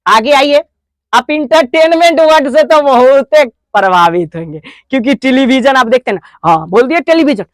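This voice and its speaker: A woman with an Indian accent teaching spoken English, breaking words into slow, stressed syllables. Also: sits high, expressive, no echo. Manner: drawn-out, stressed syllable drills. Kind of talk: classroom lesson.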